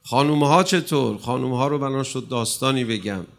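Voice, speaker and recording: A man's voice: mid-range voice, gravelly. A male preacher giving an impassioned sermon, with emphasis that rises and falls. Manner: impassioned, rising and falling emphasis. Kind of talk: religious sermon.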